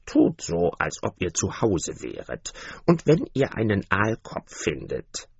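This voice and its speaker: A man voicing a haughty, grand old female duck in a storybook reading, slow, low and condescending, on a dull, dry recording. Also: wildly swooping pitch, gravelly, slightly rough, exaggerated voice.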